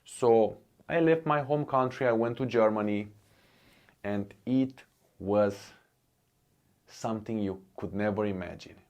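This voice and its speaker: A man from Romania with a Romanian accent, in his thirties, telling his personal faith story in a slow, earnest way with many pauses. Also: fairly low pitch, a little mellow, highs cut off. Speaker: faith vlogger. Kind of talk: personal testimony.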